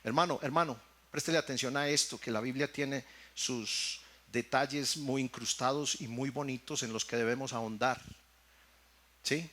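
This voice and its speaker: A pastor with a Mexican Spanish accent preaches a sermon straight to his congregation, addressing them as brothers and repeating phrases emphatically. His voice is medium-pitched and sharp in tone, at a normal speed.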